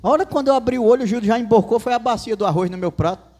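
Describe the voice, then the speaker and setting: A man's voice: very high-pitched, racing, a little mellow. A man with a Northeastern Brazilian accent, a pastor preaching a sermon in church with folksy asides and storytelling.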